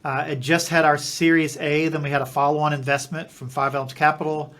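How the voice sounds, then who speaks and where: A man's voice: a little high, flat delivery, a little fast, fairly bright tone. A middle-aged man from Eastern Kentucky, a podcast guest and company founder, telling a personal story and acting out the dialogue, often restarting his sentences. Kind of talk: storytelling in an interview.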